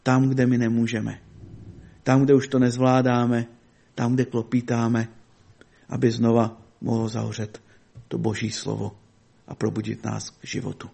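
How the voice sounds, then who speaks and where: A man preaching a sermon, measured and emphatic, in short broken phrases that often sink low and quiet at their ends. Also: little pitch movement, gravelly.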